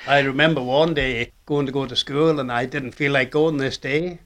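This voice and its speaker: A man's voice: mid-range voice, steady tone, moderate pace, fairly bright tone. An older man from the Isle of Man with a Manx accent, telling anecdotes as an interviewee. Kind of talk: anecdotal storytelling.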